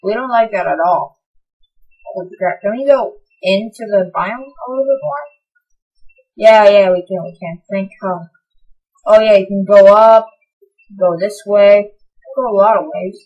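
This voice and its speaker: A young woman giving casual, excitable commentary on her own gameplay, sometimes breaking into high, delighted shouts. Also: a little slow, long pauses, husky, muffled recording. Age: young adult. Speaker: gaming channel host.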